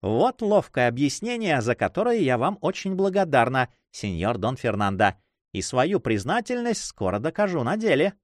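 A man's voice: medium pitch, normal speed, no echo, studio quality, lightly acted. A man voicing a teasing, mischievous young lady. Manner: mocking, laughing, lively. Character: playful teasing young noblewoman, quick-witted.

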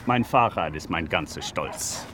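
With vehicles and city sounds around him outdoors, a deep-voiced man plays a proud, easygoing homeless sanitation worker in Detroit in a naturalistic radio drama styled as a documentary interview. He speaks unhurriedly and expressively, matter-of-fact and proud, in plain-spoken, slightly broken German.

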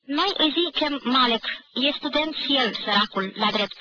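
A woman voicing a burly, boastful male student who talks in a loud, chummy, overfamiliar way, on an old archive recording. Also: extremely high pitch, lo-fi sound, voice pushed up, heavily acted. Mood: brash swagger.

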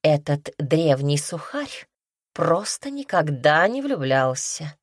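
A woman's voice: low-pitched, very animated, slow pace, husky, no echo, studio quality, exaggerated voice. A woman voicing a blunt, scolding female tigress in an audiobook. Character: sharp-tongued female tigress companion.

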